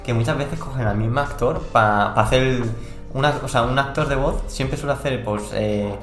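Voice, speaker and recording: A man co-hosting a podcast, speaking with a Spanish accent at a middling pitch. He talks in an exclamatory, rambling way and often restarts his sentences. His voice rings in an echoey room with faint music underneath. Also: moderate pace, a bit bright. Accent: Spain Spanish. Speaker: podcast co-host. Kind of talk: casual chat.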